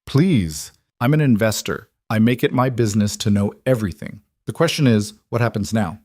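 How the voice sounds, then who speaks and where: A man voicing a sharp, blunt female investor who speaks in a knowing, wry way. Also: lowish voice, animated, moderate pace, no echo, studio quality.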